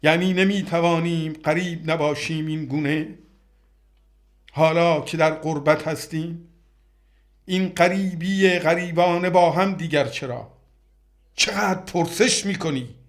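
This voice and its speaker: A man reciting a poetic dialogue with himself, trading short, brooding questions and answers. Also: fairly high pitch.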